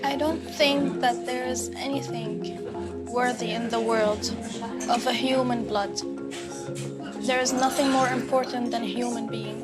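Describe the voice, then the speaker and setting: A woman's voice: on the high side, fairly even intonation, a little slow. A young woman from Syria, talking frankly in a cafe and laughing often. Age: young adult. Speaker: interviewee. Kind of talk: casual conversation. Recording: music playing behind.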